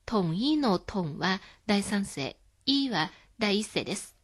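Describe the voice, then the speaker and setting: A woman hosting a scripted radio lesson, explaining words calmly. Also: medium pitch, slow pace. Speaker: Chinese language teacher.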